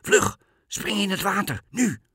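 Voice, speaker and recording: A man's voice: very animated, moderate pace, pushed and bright, dry recording, clean studio sound, exaggerated voice. A man voicing a cunning, bossy talking cat in boots in a storybook reading. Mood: scheming. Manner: high, pushy, commanding.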